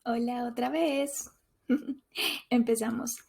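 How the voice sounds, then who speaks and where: Slow, soft-voiced woman language teacher. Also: fairly high pitch, fairly even intonation, gravelly, husky. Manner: repeats each point in Spanish and English. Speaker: Spanish teacher. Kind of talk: bilingual language lesson.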